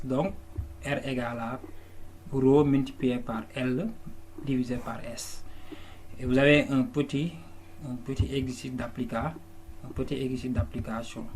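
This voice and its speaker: A man teaching a lesson, working patiently through an exercise step by step, often restarting words and checking that students follow. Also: mid-range voice. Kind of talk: classroom lesson walkthrough. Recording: faint background noise.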